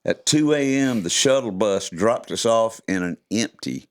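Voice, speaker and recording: An older man with a lowish voice hosts a podcast and reads his own stories aloud, his intonation lively and his pace measured. His manner is folksy, chuckling and playful, mixing casual chat with storytelling.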